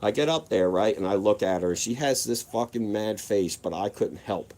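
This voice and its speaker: A laid-back man rambles through profane personal stories in a loose vlog monologue. His voice sits on the low side and his delivery is easygoing and unhurried. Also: darkish tone. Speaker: vlogger. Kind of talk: casual storytelling monologue.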